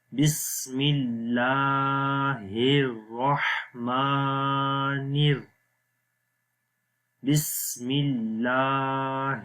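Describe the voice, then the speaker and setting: A man teaching Quran recitation, explaining each letter and then reciting slowly and drawn out. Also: medium pitch, fairly bright tone. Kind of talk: slow recitation lesson.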